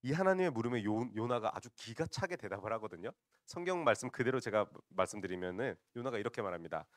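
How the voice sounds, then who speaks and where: A man's voice: on the low side, very animated, fast, no room sound, studio quality. A man preaching a sermon, retelling a Bible story and often addressing the congregation directly.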